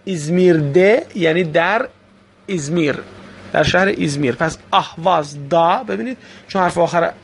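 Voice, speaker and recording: A man's voice: sits high, creaky, breathy edge. A man teaching a language lesson, explaining patiently step by step with frequent hesitations.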